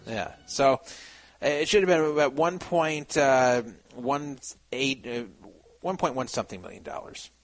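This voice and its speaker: A man's voice: medium pitch, measured pace, low-quality recording. A man hosting a casual podcast chat, rambling with many restarts and fillers. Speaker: podcast host.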